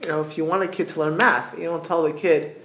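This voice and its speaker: A man in middle age teaches in the informal way of a rabbi giving a class. His voice sits a little high for a man. He restarts and repeats phrases and asks rhetorical questions, and the room around him is clearly echoey. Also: steady tone, fast talker, a bit bright. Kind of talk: informal sermon, explaining texts with anecdotes.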